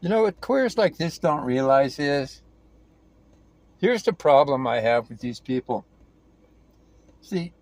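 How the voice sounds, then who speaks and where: Slow, blunt ranting man. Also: on the high side, slight background noise. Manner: blunt, profane and insistent, repeats his points. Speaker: online commentator. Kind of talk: ranting opinion monologue.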